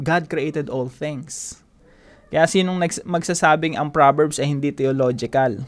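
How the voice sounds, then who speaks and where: A man leads a devotional teaching, his voice sitting a bit higher than most men's. He speaks with emphasis and comes back to the same key phrases again and again. He draws out his English lines slowly and deliberately. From Philippines. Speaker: devotion leader.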